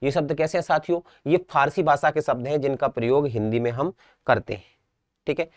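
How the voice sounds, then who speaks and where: Speaking a little fast in a mid-range voice, a young Indian teacher with a Rajasthan Hindi accent leads an exam-prep class. He repeats each word and frequently checks whether students understand, and there's no echo in the audio.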